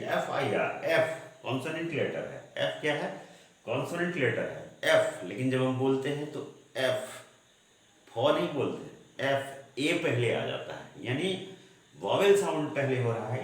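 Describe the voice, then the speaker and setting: A man gives a classroom-style grammar lesson at an unhurried, deliberate pace, posing questions to the class and answering them himself. His voice sits in a middle register. The recording is very echoey, as if made in a bare room. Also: mid-range voice, sing-song. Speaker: English grammar teacher.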